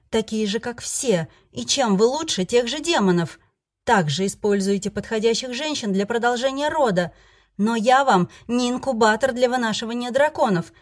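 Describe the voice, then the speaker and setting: A woman voicing a furious, indignant young heroine with a shrill, shouting delivery. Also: natural voice. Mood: bitter.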